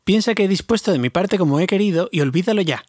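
A man voicing a small, timid male hobbit who talks in a higher, fussy, pleading way. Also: lively intonation, fast, a little mellow, no room sound, studio quality.

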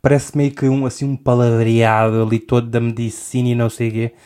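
Flat and fairly quick, with a darkish tone, a young man's mid-range voice carries a European Portuguese accent. As podcast host, he delivers a rambling, casual comic monologue, interrupting himself and laughing often.

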